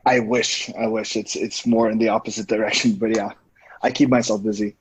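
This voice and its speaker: A man's voice: fairly low pitch, level tone, fairly quick, breathy edge. A man in his twenties from Estonia, a marketing director, speaking thoughtfully as a podcast guest. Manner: thoughtful, hesitant with fillers and restarts. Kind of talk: casual interview. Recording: dull lo-fi audio.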